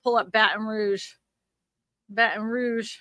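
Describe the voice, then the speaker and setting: This woman from Louisiana speaks slowly in a high-leaning, pushed, bright and slightly nasal voice with a steady tone. The recording is dry and muffled. She hosts a laid-back livestream on the housing market, reading comments and rambling chattily with many fillers and restarts.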